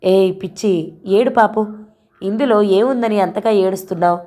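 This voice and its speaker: A thoughtful young woman reasons patiently with her upset friend, voiced by a woman reading an audio novel. Her even, medium-pitched tone stays close to the reader's own voice. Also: normal speed, lightly acted. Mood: reasoning. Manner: reflective, reasoning.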